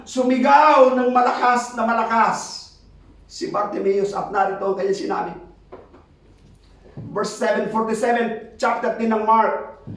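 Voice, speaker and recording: A man preaching a sermon, switching between Tagalog and English and reading scripture aloud, emphatic and swinging between quick urging and slow drawn-out phrases. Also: very high-pitched, fairly bright tone. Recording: very echoey hall, mic far off.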